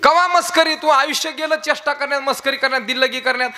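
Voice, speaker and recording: An outraged grieving village son , played by a preacher, shouts in a strained, very high voice. His speech is indignant and rapid-fire. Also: heavily acted.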